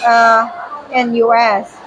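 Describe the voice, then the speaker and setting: A woman interviewing a traveler, eager and quick with short replies and questions. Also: fairly high pitch, monotone, fairly bright tone, slight background noise, rough recording. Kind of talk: casual interview.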